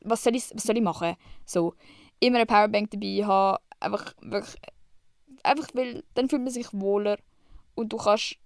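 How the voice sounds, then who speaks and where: A woman's voice: medium pitch, normal speed, vocal fry, no echo, studio quality. A young woman from Switzerland with a Swiss German accent, hosting a casual solo podcast, chatty and blunt, swearing freely and dropping English slang. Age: young adult. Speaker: podcast host.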